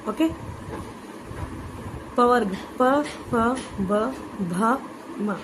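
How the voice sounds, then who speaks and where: A woman teaching an exam-prep grammar lesson, explaining patiently, saying "okay" often and spelling out letters slowly. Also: on the high side, background noise.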